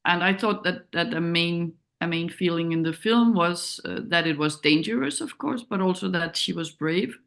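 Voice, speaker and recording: With a low, creaky voice that has a fairly bright tone, a Danish documentary director talks in an interview. Her Danish accent is clear, and she speaks thoughtfully, hesitating as she searches for words.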